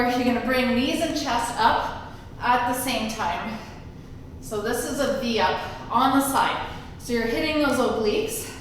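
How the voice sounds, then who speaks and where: A woman fitness instructor coaching a workout live, calling out short encouraging cues and demonstrations, somewhat out of breath. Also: a little high. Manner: encouraging, calling out brief commands and countdowns. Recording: echoey room, distant mic, noisy.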